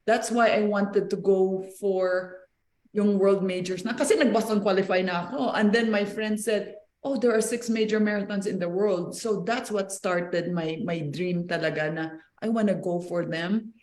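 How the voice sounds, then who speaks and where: A middle-aged woman with a Filipino accent, an interview guest telling her story in a lively, casual way, mixing languages mid-sentence. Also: mid-range voice, normal speed. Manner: animated, switches between Tagalog and English mid-sentence. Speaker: interview guest, marathon runner. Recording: echoey room.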